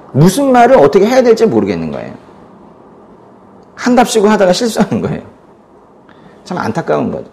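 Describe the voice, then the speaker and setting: A male pastor preaching a sermon in an animated storytelling manner, asking the congregation questions and acting out the lines he quotes. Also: a little high.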